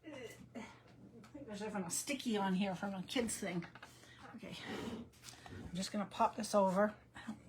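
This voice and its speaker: Middle-aged woman, chatty self-mocking craft host, home room with steady background noise. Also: mid-range voice, a little slow, long pauses. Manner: chatty, self-deprecating, thinks aloud. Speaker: card-making tutorial host. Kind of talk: casual live crafting demo.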